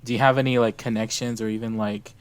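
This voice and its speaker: A man's voice: medium pitch, level tone, fast talker, smooth, no echo. Easygoing male podcast host, dry sound. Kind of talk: casual podcast conversation.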